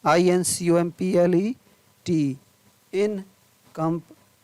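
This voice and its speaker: A male English teacher goes letter by letter and stretches each sound, slow and deliberate. His voice sits a little high for a man. The recording is dry and close, with no room echo. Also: steady tone, darkish tone. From India. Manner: spells words letter by letter, then stretches each sound slowly; asks questions then answers them himself. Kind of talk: spelling-out pronunciation lesson.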